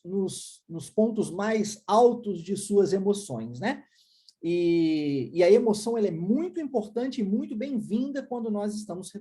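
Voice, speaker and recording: A woman's voice: medium pitch, dark tone. A Brazilian woman with a Brazilian Portuguese accent, teaching an English lesson and checking in often with the viewer. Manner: explanatory, checks in with "tá?" and "né?".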